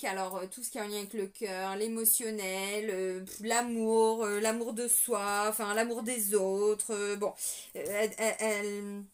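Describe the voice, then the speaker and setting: A woman with a slightly high voice talks through a tarot reading in a loose, conversational way. She hesitates often and fills pauses while speaking directly to her viewers. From France. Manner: chatty, hesitant, many fillers, addresses viewers as friends. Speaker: tarot reader. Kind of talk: casual tarot reading to camera.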